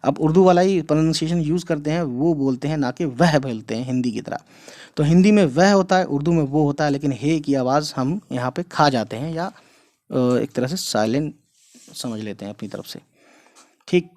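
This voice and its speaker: A man's voice: a little high, moderate pace, darkish tone. A man teaching an Urdu lesson online, explaining patiently and repeatedly, checking in with viewers and calling them guys. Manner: addresses viewers casually as guys.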